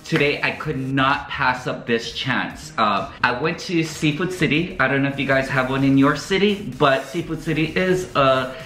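Speaking at a moderate pace with hardly any pauses, a man with a sharp-toned, mid-range voice hosts a casual vlog. He jokes around and says um often while addressing viewers, recorded in an echoey space with faint music.

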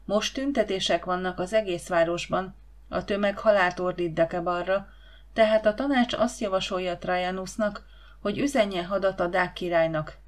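A woman voicing a gentle, cautious woman servant who talks in a soothing, hushing way. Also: fairly low pitch, fairly even intonation, natural voice.

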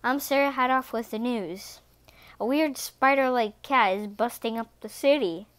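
A woman's voice: fairly high pitch, normal speed, smooth, dry recording, lightly acted. A woman voicing a chirpy female TV news reporter with newscaster delivery in a read-aloud storybook.

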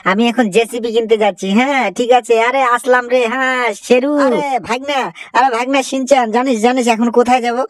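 A woman playing a loud, bossy young uncle in a fan game dub, calling others out. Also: fairly high pitch, steady tone, quick pace, dry recording, lightly acted.

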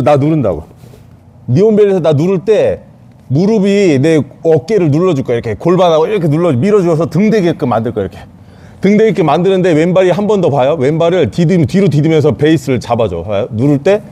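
Husky jiu-jitsu instructor, lively pitch. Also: male voice, fast talker. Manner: talks while demonstrating, repeats short cues. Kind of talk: hands-on technique demonstration.

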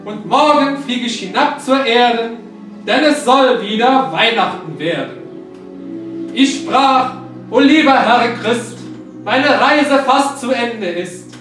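A man playing Santa Claus, high and echoey. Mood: solemn. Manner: slow, solemn, storytelling delivery. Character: kindly old Santa Claus, gentle. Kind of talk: poem recitation and greeting. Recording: very echoey, distant mic, music behind.

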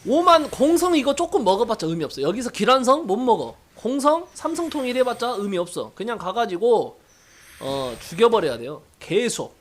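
A man's voice: extremely high pitch, very animated, moderate pace. A man streaming a mobile game, giving brash casual commentary, swearing and teasing his viewers.

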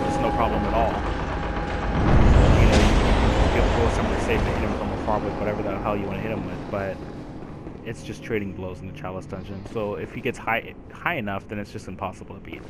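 A low-voiced man chats loosely through his gameplay, swearing freely and yelling insults at the boss. Loud game audio plays under his voice throughout. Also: very noisy. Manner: rambling, profane, yells at the boss. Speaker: gaming let's-player. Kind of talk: casual gameplay commentary.

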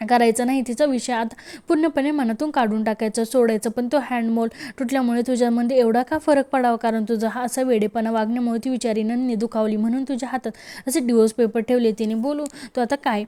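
An exasperated man voiced by a woman narrator lectures and scolds at length. The voice stays fairly high and warm. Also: steady tone, a little fast, clear, resonant tone, lightly acted. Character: exasperated male uncle figure, lecturing.

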